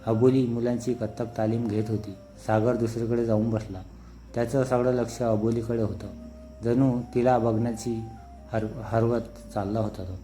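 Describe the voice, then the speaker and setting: A male storyteller reads a scripted tale at a steady, unhurried pace. His voice is dark and mellow and stays flat and even. Soft music plays faintly behind him. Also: medium pitch.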